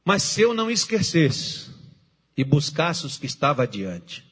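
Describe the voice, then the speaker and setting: A middle-aged man preaching a sermon as pastor, moving from hushed storytelling to shouted exhortation. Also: on the high side, sing-song, unhurried, husky.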